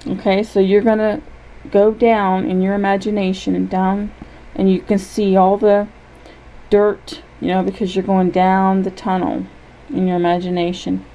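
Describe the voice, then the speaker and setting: A woman leading a guided imagery lesson in a gentle, unhurried way, often checking in with "okay?". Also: medium pitch, little pitch movement, rough recording.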